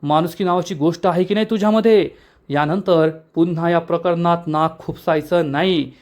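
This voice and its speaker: A man's voice: a little high, steady tone, normal speed, darkish tone, lightly acted. A man voicing a fiery young woman, scolding. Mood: angry. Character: fiery young woman, sharp-tongued and protective.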